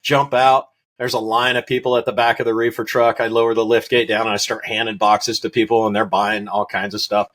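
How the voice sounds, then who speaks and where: A middle-aged man from Wyoming, a rancher, chatting in an interview and telling animated stories, acting out the voices of people in his anecdotes and laughing often. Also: on the low side, brisk, few pauses. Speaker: rancher guest. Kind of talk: casual interview storytelling.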